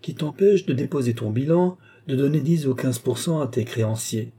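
A man's voice: medium pitch, normal speed, warm tone, slightly rough, pitched above the performer's own voice. A man reading as Joseph, a cold, dry moneylender. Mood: cool, dismissive. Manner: dry, businesslike. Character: cold, grasping male moneylender brother.

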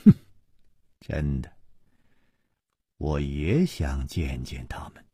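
A man voicing a shrewd young gentleman hero, speaking low, quiet and dry. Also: expressive, a little slow, no room sound, heavily acted. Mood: wry.

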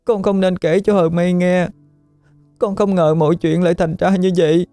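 A man's voice: high voice, little pitch movement, normal speed, mellow, dry recording, faint music behind, voice pushed up, close to an everyday voice. A man voicing a homesick little girl who pleads tearfully with her mother in a ghost story audiobook. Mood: pleading, tearful. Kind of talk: audiobook character voice.

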